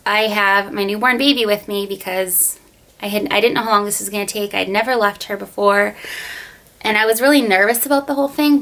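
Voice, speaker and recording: A young woman recounts a personal story for her vlog audience. She talks in a loose, chatty way with lots of fillers. Her voice sits at a middle pitch and carries a gravelly fry. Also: bright, forceful tone. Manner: chatty, many fillers, retells scenes. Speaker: vlogger.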